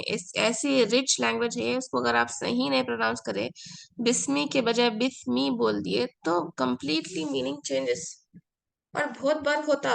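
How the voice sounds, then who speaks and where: A woman with Urdu as her first language teaches an Arabic lesson. Her voice is a little high and heavily gravelly with vocal fry. She explains patiently, repeating key words and mixing in English phrases. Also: a bit bright. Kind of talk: online class lecture.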